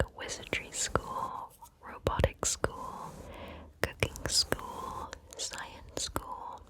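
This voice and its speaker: Woman doing asmr chat, all whispered and breathy, really slow n gentle, right up on the mic. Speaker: ASMR host. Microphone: close microphone, ear to ear.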